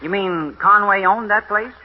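An actor playing an easygoing cowboy sidekick in a 1950s radio drama, drawling and casual with hesitant fillers, on a dull lo-fi old recording. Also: male voice, sits high, normal speed, a little hiss or hum, natural voice.

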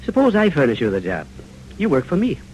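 Animated, crusty old grandfather. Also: a little high, brisk, poor audio. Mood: stern. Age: older. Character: stern, wily old grandfather driving a hard bargain. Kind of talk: 1950s radio serial acting. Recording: old radio broadcast, faint noise.

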